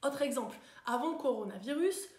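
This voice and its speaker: A woman's voice: high-pitched, animated, brisk, a little mellow. Chatty woman coach in echoey room. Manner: chatty, with many fillers and tag questions. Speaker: coach giving self-improvement advice. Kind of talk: live talk to viewers.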